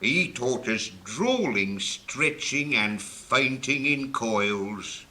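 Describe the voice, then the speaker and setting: A man playing an old, stiff, mournful turtle, solemn and sentimental with drawn-out words, in a 1950s dramatised storybook recording. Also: medium pitch, lively intonation, pushed and bright, exaggerated voice. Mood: solemn, nostalgic. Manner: slow, drawn-out, solemn delivery.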